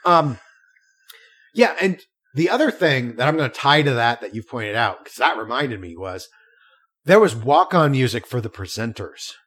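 A man talks on a podcast in a relaxed, conversational way. His pitch swings widely as he tells the story, and he often stops and restarts his sentences. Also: normal speed, husky. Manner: animated storytelling with frequent restarts. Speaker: podcast co-host. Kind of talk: casual chat.

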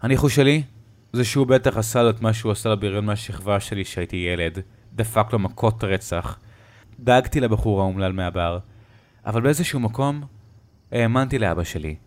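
Slow, low-voiced male horror narrator. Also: a little mellow.

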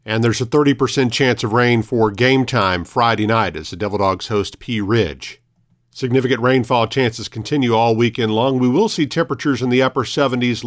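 A man reading a scripted morning forecast and news as a local radio announcer. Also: mid-range voice. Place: radio studio.

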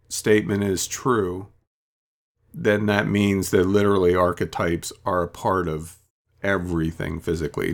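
A man with a very deep voice gives a casual spiritual talk on his own. He wanders through his thoughts, pausing on ums and asides as he goes. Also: gravelly. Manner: rambling, reflective, many ums and asides.

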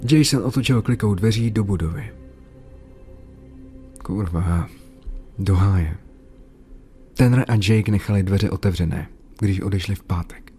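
Low-voiced man narrating a horror story. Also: mellow. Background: faint music.

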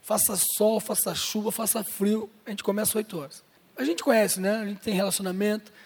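High-voiced husky pastor in a reverberant hall. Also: male voice, fairly even intonation, fairly quick, a little mellow. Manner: playful, jokes with and addresses the congregation. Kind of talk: sermon. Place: church service.

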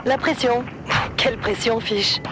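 Une comédienne qui joue une femme pilote de chasse, cheffe de patrouille, parlant par radio casque dans le cockpit avec un ton net de procédure radio. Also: female voice, on the high side, steady tone, a little slow, music in the background, low-quality recording. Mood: teasing. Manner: crisp clipped radio procedure talk. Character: woman fighter pilot, calm patrol leader. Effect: pilot talking over a cockpit headset radio.

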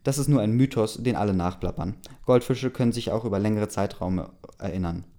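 A man voicing a dry, know-it-all woman who owns a castle, speaking in a deadpan, lecturing way. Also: lowish voice, a little fast, natural voice.

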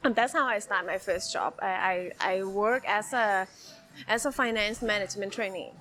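A woman with a Thai accent talking casually as an interview guest, in a halting way that repeats words. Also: medium pitch, fairly bright tone, soft background music. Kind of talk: casual chat.

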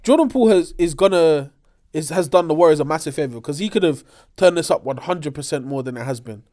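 A young man with a London accent in a casual, animated sports debate, slangy and emphatic. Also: on the high side, fast talker. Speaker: sports talk show co-host. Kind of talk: casual basketball debate among friends.

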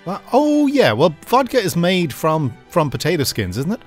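A man hosting a casual chat, lively and quick to restart his sentences. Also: fairly high pitch, soft background music. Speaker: host.

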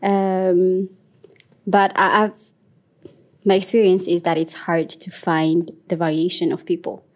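A woman in her late twenties, from Eritrea, speaking thoughtfully and in a measured way on a panel. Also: fairly low pitch, level tone. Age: 20s. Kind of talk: panel discussion.

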